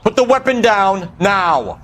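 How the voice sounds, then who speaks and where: An actor playing a stern young police detective in a period crime game, commanding and formal like an old-time beat cop. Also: male voice, sits high, sing-song, slow pace, fairly bright tone, full character voice. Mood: commanding, urgent.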